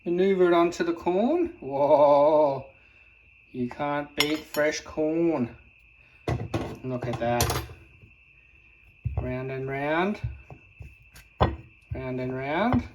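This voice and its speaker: A chatty man narrating his own home vlog, relaxed and rambling, with a voice sitting a little high for a man. Faint crickets and outdoor ambience hiss softly behind him. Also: drawn-out words, pauses often. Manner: chatty, relaxed, talks himself through tasks with fillers. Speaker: vlogger, home gardener and cook. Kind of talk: casual cooking and garden vlog. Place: home kitchen and vegetable garden.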